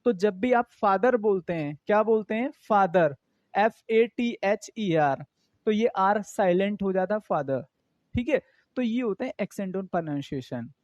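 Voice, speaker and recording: A man's voice: high-pitched, lively intonation, measured pace, no echo, dull audio. A man teaching an exam-prep English grammar class, explaining in with English terms and asking his students questions again and again.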